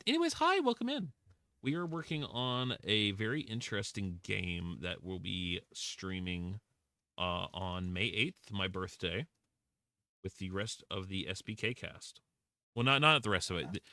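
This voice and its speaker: A man's voice: fairly low pitch, moderate pace, no room sound. A man chatting casually with his live-stream chat while playing a block-building game, greeting viewers and joking about himself. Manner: chatty, self-deprecating, greets chat warmly.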